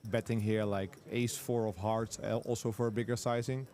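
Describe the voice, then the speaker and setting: A man's voice: on the low side, little pitch movement, moderate pace, darkish tone. A man commentating live poker, breaking down hand strategy in detail with frequent restarts and repeated agreement.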